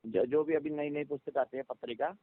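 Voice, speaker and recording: A man in a religious discussion, calmly answering doubts with a patient, reassuring manner. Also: on the high side, brisk. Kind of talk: religious debate. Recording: tinny phone-like sound.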